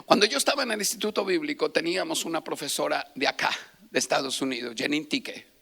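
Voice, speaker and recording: Raspy pastor, high and gravelly. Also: male voice, quick pace. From Colombia. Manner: swings from hushed whispers to impassioned shouting. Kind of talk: sermon.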